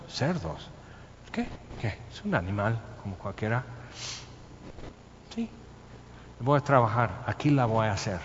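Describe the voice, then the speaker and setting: A man preaching a sermon, telling the story lively and acting out scenes and sounds. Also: mid-range voice. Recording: muffled sound in a reverberant hall with faint noise.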